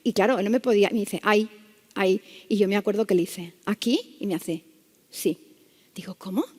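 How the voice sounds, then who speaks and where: A woman's voice: mid-range voice, fast talker. A woman doctor, telling a clinical anecdote to an audience and acting out the voices in it. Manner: lively anecdotal storytelling, acting out dialogue. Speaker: palliative care doctor. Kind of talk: storytelling talk to an audience. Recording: long hall reverb.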